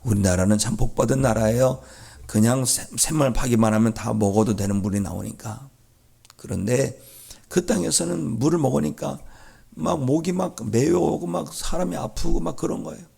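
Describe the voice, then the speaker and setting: A male pastor delivers a dawn prayer service sermon in a church. His voice is gravelly with a rough edge, and his tone is fervent and emphatic. He climbs into a higher register whenever he acts out a prayer. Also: moderate pace, warm tone. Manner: fervent and emphatic; rises high when acting out prayers. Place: church sanctuary.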